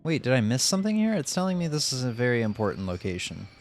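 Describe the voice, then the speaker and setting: A man streaming a video game, chatting casually and reading the on-screen text aloud in a steady narrating tone. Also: mid-range voice, quick pace, soft background music.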